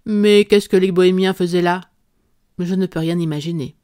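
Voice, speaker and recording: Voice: mid-range voice, fairly even intonation, normal speed, mellow, clean tone, no echo, studio quality, close to an everyday voice. A reader voicing a puzzled male companion who raises doubts in an audiobook. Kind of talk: audiobook character reading.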